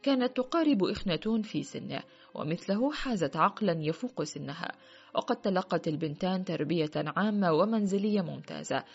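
A woman with a husky voice reading first-person literary narration in a steady, measured way. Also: lowish voice. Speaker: audiobook reader. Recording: muffled with faint background music.

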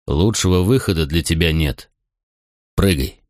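A man's voice: deep voice, unhurried, a little mellow, no room sound, studio quality. A man voicing a stern, angry Roman centurion who speaks in blunt, harsh commands. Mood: cold.

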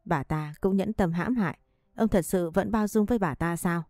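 A woman's voice: on the low side, normal speed, darkish tone, no room sound, clean studio sound, close to an everyday voice. A woman voicing a furious, grieving second wife who bites out each word with bitterness.

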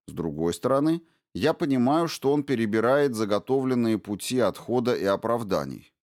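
A man reading a first-person audiobook in a measured, even way. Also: medium pitch, no echo, clean studio sound. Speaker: audiobook narrator.

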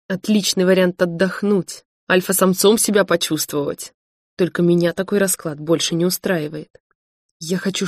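A woman's voice: on the low side, a little mellow, no echo, clean studio sound. A woman reading an audiobook, voicing a young woman in love who is tearful and stubborn, speaking emotionally and pleading. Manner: emotional, pleading, rising to outbursts.

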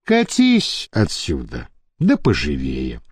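A man's voice: extremely low pitch, wildly swooping pitch, takes it slowly, a little mellow, breathy edge, dry recording, clean studio sound, pitched below the performer's own voice, exaggerated voice. A man voicing a smug, powerful older man who talks down to others. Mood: dismissive.

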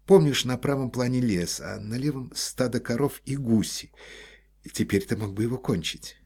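A man's voice: mid-range voice, moderate pace, dark tone, slightly rough, voice pushed up. A man voicing a distraught young woman in an audiobook, tearful and reproachful as she pleads. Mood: coaxing. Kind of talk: audiobook character voice.

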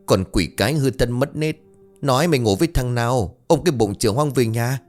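A man's voice: lowish voice, animated, a little fast, soft background music, close to an everyday voice. A man voicing a harsh middle-aged village stepmother who shrieks insults and wails. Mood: scolding.

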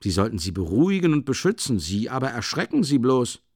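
A man's voice: sing-song, brisk, slightly rough, no echo, clean studio sound. A man playing a sly, mocking magistrate. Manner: low, soft, chuckling, insinuating. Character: older male investigating judge, sly and mocking. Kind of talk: audiobook character voice.

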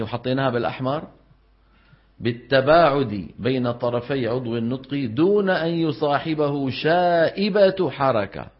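Male recitation teacher, lecturing a class with frequent questions to students; slightly muffled recording. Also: medium pitch. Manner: explains step by step, keeps asking the class questions. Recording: dull lo-fi recording.

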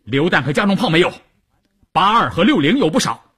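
A man voicing an eager regiment commander who briskly reports to his superior. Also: sits high, big pitch swings, fairly bright tone, slightly rough, voice pushed up, heavily acted. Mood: urgent.

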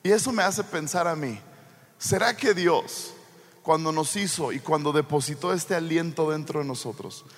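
A man's voice: fairly high pitch, moderate pace. A man preaching a sermon, telling the story with humorous asides and building to fervent proclamation. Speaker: pastor. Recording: long hall reverb.

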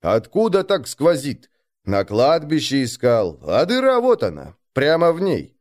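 A man's voice: a little high, huge pitch swings, unhurried, darkish tone. A man reading a blunt, stern shaman. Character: blunt, irritable wandering shaman.

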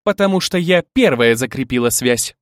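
Guy doing a smug sharp-tongued young woman, teasing and cutting, dry close mic. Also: mid-range voice, expressive, moderate pace, dry recording, lightly acted. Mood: mocking, cocky. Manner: mocking, cocky, cutting. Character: sharp-tongued young woman bride, orphanage-raised, mocking.

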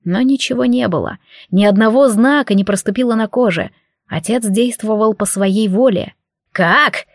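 A woman's voice: medium pitch, normal speed, a little mellow, no room sound, studio quality. A woman reading a fantasy novel aloud as an audiobook narrator. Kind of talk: scripted narration.

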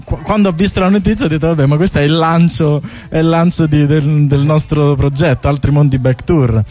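With music playing behind him, a man guests on a casual radio interview in a studio, presenting his bike tour project as an artist. His slightly high, darkish voice moves fairly quickly with fairly even intonation, and his explanations are rambling, hesitant, and informal, full of repeated words.

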